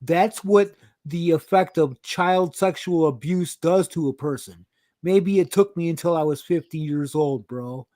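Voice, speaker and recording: A man's voice: a little high, measured pace, no echo, studio quality. Blunt, profane man in his fifties. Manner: blunt and profane, swings from calm to heated. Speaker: livestreamer sharing news of predator cases. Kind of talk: casual livestream chat. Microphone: video call.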